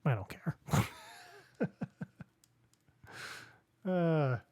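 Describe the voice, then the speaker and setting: A man's voice: a little high, normal speed, darkish tone, no echo. Goofy man rambling through a podcast sign-off. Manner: rambling, goofy asides and sing-song fillers. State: a bit out of breath. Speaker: podcast host. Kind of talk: casual solo podcast sign-off.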